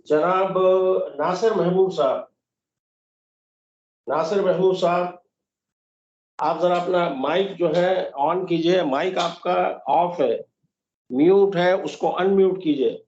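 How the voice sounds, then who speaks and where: A man's voice: high voice, long pauses, a little mellow. A man teaching an online Quran reading class, patiently quizzing students and repeating examples. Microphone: video call. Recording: roomy, dull online call audio.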